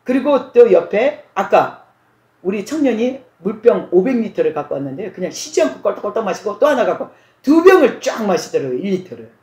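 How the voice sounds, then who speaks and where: A woman's voice: mid-range voice, big pitch swings, brisk, a little mellow. Dramatic woman preacher in an echoey hall. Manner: dramatic storytelling, acting out quoted voices. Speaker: preacher giving testimony. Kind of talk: testimony sermon.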